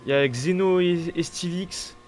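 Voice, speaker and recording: A man's voice: high-pitched, normal speed, darkish tone. A man giving casual live motorsport commentary, calling each overtake as it happens. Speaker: esports motor racing commentator. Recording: clear background noise, vehicle sounds.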